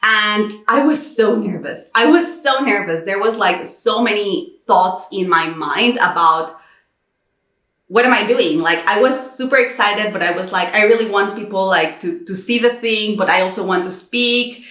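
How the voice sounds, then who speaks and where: A thirty-year-old Mexican woman who makes YouTube videos tells her own story in a chatty vlog, voicing her inner thoughts as quoted dialogue. Her voice is medium in pitch and moderately paced, and the room gives it a roomy echo.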